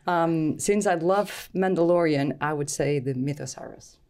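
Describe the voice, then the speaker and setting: A middle-aged woman from Portugal with a Portuguese accent, a guest scientist talking thoughtfully in a podcast interview, with many pauses and ums. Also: deep voice, a little mellow. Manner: thoughtful, hesitant with frequent ums.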